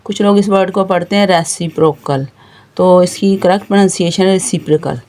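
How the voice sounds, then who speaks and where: Pakistani urdu accent lady teaching math, calm step by step explaining, pointing stuff out. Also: medium pitch, fast talker. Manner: patient, stepwise explanation with frequent pointing words.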